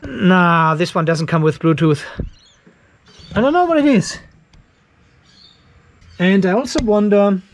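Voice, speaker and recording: A channel host with a strikingly high-pitched voice reviews a home battery, inspecting the device hands-on. Curious and relaxed, he thinks aloud and explains each thing he discovers along the way.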